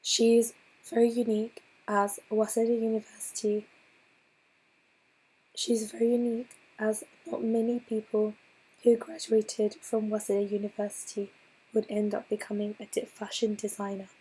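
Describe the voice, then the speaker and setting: A woman with a hoarse, breathy voice because she is ill, giving a slide presentation in a slow, halting way and often restarting her phrases. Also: medium pitch, completely flat delivery, mellow, rough recording. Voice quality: breathy, partly whispered. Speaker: student presenter.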